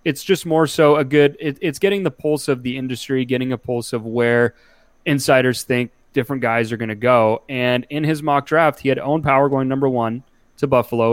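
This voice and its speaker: A man's voice: mid-range voice, smooth, no echo. A man co-hosting a casual sports podcast, talking through his analysis with frequent restarts. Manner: analytical, thinks aloud with restarts. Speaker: podcast co-host.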